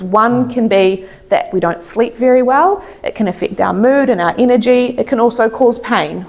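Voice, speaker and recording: A woman with a mid-pitched voice gives an informal educational talk as a chiropractor. She explains health matters in plain, everyday language, as a presenter would to lay listeners. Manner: explains in simple everyday terms.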